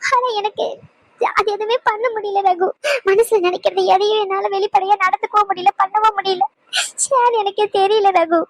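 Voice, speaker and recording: A woman's voice: very high voice, steady tone, normal speed, dry recording, rough recording. A woman voicing a young wife in a cartoon, pleading and weepy. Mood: tearful. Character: young wife, tearful and torn.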